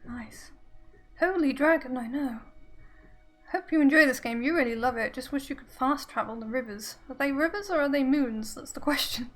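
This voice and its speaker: Female game streamer, high voice, casual let's play chat and commentary. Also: normal speed, fairly bright tone, faint music behind. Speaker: video game streamer playing a story game.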